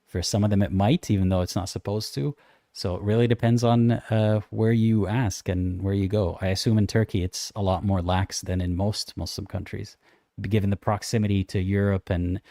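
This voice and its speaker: A young man co-hosting a casual livestream chat, reading out viewer comments and answering them in a thoughtful, measured way. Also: deep voice, vocal fry, warm tone, no echo, clean studio sound.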